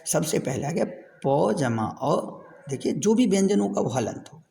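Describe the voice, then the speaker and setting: A man's voice: fairly high pitch, very animated, moderate pace, creaky, mellow, long reverb tail. A middle-aged man teaching a Sanskrit lesson to children, patiently repeating each word and asking questions. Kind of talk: classroom lesson over a screen recording.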